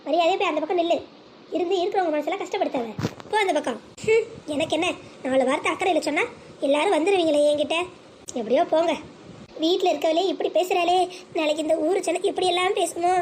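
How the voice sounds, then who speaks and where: A woman's voice: very high voice, quick pace, a little mellow, slight background noise. Woman voicing a sarcastic, grumbling sister-in-law. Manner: sarcastic, complaining.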